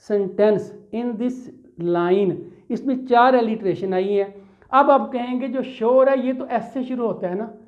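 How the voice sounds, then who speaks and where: A man's voice: extremely high pitch, darkish tone, muffled recording. A man with a Pakistani accent teaching English grammar in a classroom lecture. He talks patiently, asks questions and answers them himself, calls his students "beta" and mixes English terms into his explanation.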